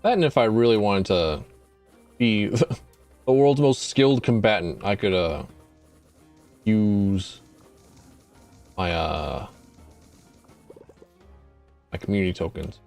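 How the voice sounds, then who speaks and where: Streaming a video game, a man chats casually in a fairly low, darkish voice at a slow pace with long pauses. His gameplay commentary is rambling and wry, and he often corrects himself. Soft music plays in the background.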